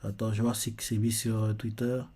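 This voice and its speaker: A man's voice: lowish voice, level tone, a little fast, warm tone, slightly rough. A man hosting a live reaction video, retelling a comic chapter loosely and wondering aloud between scenes. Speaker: manga reaction video host.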